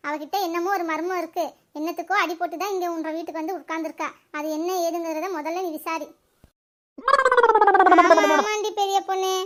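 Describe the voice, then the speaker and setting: A woman voicing a sharp-tongued, gossiping adult village woman in a cartoon. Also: very high-pitched. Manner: scolding, quick and mocking. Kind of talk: cartoon voice acting.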